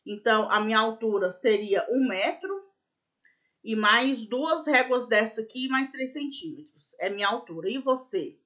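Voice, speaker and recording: A primary school teacher records a remote class for young pupils, patiently going through the tasks and spelling words letter by letter, checking in with "né?" and "tá bom?". Her voice is on the high side, animated and fairly bright, at a normal speed.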